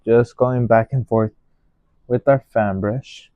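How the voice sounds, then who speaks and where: Slow, gentle male painting instructor. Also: medium pitch, steady tone, no echo, phone-quality sound. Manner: gentle, unhurried painting instructor, musing aloud in short phrases. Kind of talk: unscripted painting tutorial narration.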